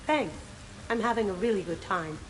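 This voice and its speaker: A woman's voice: mid-range voice, normal speed, natural voice, low-quality recording. A woman playing a mischievous, sly thief in a video game, playful and unabashed.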